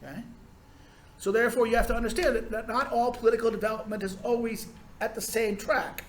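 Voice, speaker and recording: A man's voice: very high voice, fairly even intonation, fairly quick, echoey room, a little hiss or hum. A male university lecturer giving a rambling, sardonic classroom lecture with frequent restarts.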